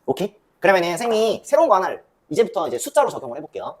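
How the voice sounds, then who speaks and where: A woman's voice: medium pitch, very fast, a little hiss or hum. Young woman math teacher, rising and falling voice, quizzes and answers herself. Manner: lively, asks and answers her own questions. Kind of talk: classroom lecture.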